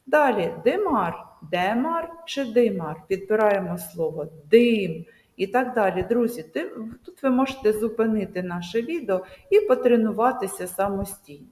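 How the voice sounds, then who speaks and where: Woman teacher with lively, echoey voice. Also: mid-range voice. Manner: slow, emphatic, stretches out example words. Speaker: primary school teacher. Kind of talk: video lesson. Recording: echoey room with long reverb.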